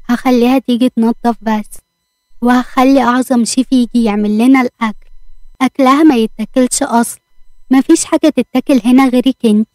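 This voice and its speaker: A woman's voice: on the high side, steady tone, brisk, a little mellow, no echo, natural voice. A woman with an Egyptian accent voicing a playful, teasing young husband in a read-aloud romance story. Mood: protesting.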